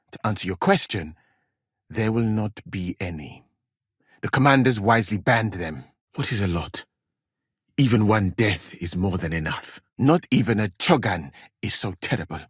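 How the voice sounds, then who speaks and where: An actor playing a courteous, dryly witty medieval scholar and physician from Mali in a video game, speaking in formal, measured, precise words. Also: male voice, lowish voice, slightly rough, no echo, clean studio sound. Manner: formal, measured, precise wording without contractions. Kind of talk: video game character dialogue.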